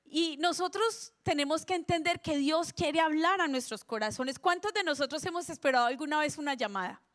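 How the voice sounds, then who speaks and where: A woman's voice: sits high, brisk, a bit bright. A woman pastor preaching a sermon in a church, in a conversational way, often asking the congregation questions.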